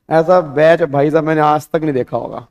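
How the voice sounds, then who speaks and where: A man with a hoarse voice teaching an online class, chatting casually and speaking calmly. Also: fairly high pitch.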